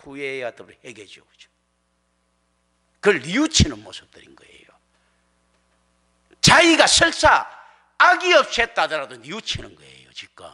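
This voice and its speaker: A pastor preaching a sermon in a church, animated and acting out the voices he quotes. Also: high-pitched, moderate pace, pauses often. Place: church sanctuary.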